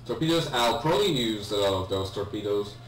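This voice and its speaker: Animated and fairly quick, with a voice on the low side, a young Polish-accented man, Polish by birth tongue, narrates his let's-play session. He's hesitant throughout, apologizing, restarting and saying "um" a lot. The recording sounds echoey, with a distant mic and a faint hum.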